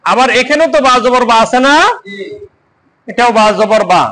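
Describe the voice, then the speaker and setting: A man's voice: very high-pitched, animated, normal speed, fairly bright tone, a little hiss or hum, low-quality recording. A man teaching Quran letters and vowel marks, drilling students with repeated questions and chanted answers. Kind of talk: call-and-response lesson.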